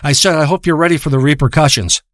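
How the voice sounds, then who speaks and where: Man rambling a crude deadpan monologue. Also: on the high side, quick pace, no room sound, clean studio sound. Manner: rambling, profane, deadpan tangents. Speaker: comedic storyteller.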